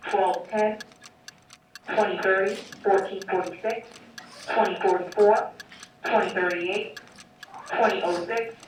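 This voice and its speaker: A woman reading the afternoon announcements over a school intercom loudspeaker in a steady list-reading way. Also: medium pitch. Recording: echoey distant loudspeaker with background noise.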